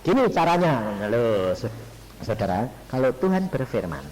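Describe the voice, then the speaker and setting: Animated Javanese-accented male evangelist preaching. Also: mid-range voice, measured pace, slight background noise, poor audio. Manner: animated storytelling, acts out dialogues, addresses audience as "saudara". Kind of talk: lively preaching sermon.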